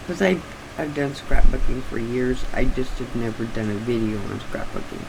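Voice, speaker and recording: An older woman chatting casually and haltingly, with slightly restricted articulation, as if her sore jaw won't open wide. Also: rumbling low, creaky, background noise. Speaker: craft vlogger. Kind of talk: casual rambling chat.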